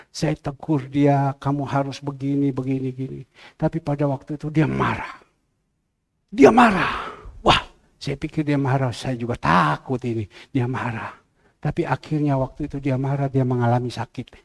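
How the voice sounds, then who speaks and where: A man's voice: medium pitch, gravelly. A middle-aged male pastor preaching a sermon, emphatic and drawing out key words for stress.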